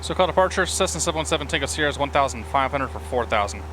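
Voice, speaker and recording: A man making crisp, clipped pilot radio calls into a headset mic in a flight simulator. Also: medium pitch, animated, very fast, background noise. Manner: crisp, clipped aviation phraseology. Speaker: flight sim streamer playing a pilot.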